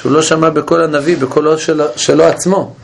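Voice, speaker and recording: A man's voice: a little high, gravelly, heavy background noise. A man teaching a Bible study class, explaining with questions and frequent restarts. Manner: questioning, animated, with many restarts.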